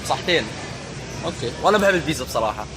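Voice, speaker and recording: A man's voice: mid-range voice, very animated, rapid-fire, over music, a crowd in the background. A teenage boy with a Levantine Arabic accent, chatting casually and playfully as a vlog host and interviewer. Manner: playful, repeats and comments on answers. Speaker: vlogger and interviewer. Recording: noisy public place with urban sounds.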